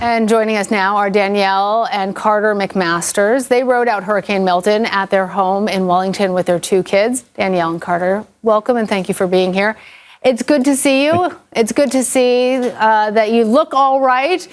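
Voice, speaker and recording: Woman, news anchor, medium pitch, live television interview style. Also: moderate pace.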